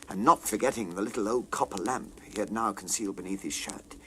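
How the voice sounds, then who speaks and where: A man's voice: on the low side, fairly quick, pushed and bright, slight background noise. A man narrating a scripted children's story dramatically as its storyteller.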